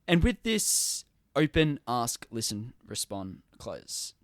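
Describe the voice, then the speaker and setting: A man's voice: mid-range voice, very animated, slow, a bit bright, no echo. An Australian man hosts a casual podcast interview. He asks long, eager, meandering questions in a mid-range voice. The recording is dry and close. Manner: enthusiastic, rambling questions. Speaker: podcast host.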